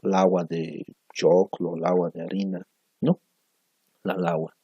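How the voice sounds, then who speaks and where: A deep, gravelly man gives a slow, patient pronunciation lesson. His voice is husky and very low, and he drills each syllable aloud. The sound is dry and close, with almost no room. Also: flat delivery, dry recording, highs cut off. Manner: slow, measured, tags phrases with "¿no?"; repeats sounds and words for pronunciation. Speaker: language teacher. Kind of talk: recorded lecture on phonetics.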